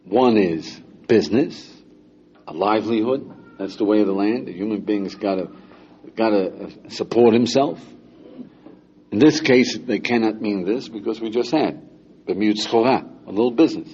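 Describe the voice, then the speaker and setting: An older man teaching as a rabbi, his lowish, dark voice talking to a room of students in a casual, teasing way. He keeps asking them questions as he goes. The recording is dull and lo-fi with a faint hiss under it. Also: moderate pace. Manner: conversational, teasing, asks listeners questions often. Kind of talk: informal lecture to students.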